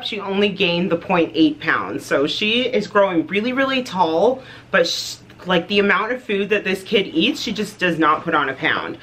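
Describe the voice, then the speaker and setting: A woman's voice: mid-range voice, a bit bright. A woman in her thirties from Canada, chatting casually to camera as a motherhood vlogger, upbeat and full of details. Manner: chatty, upbeat, lists details with light fillers.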